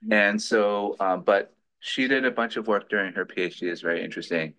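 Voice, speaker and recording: A man with a lowish voice runs a lab meeting and introduces a guest. He talks informally and haltingly, full of restarts and fillers. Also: sharp tone, a little hiss or hum.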